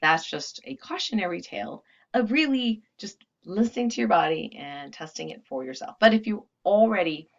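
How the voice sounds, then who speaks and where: A woman's voice: deep voice, a bit bright, highs cut off. A woman leading a casual, guided energy healing session, speaking conversationally with frequent asides.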